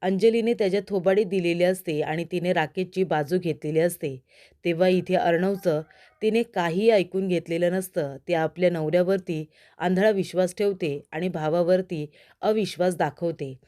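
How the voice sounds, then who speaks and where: A woman narrating a TV serial recap, addressing viewers directly in a steady storytelling manner. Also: lowish voice, normal speed.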